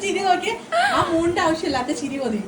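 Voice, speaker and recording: A woman's voice: very high voice, quick pace, a loud crowd. A young woman, a vlogging mother chatting casually and laughing often. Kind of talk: casual family vlog chat. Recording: loud background noise.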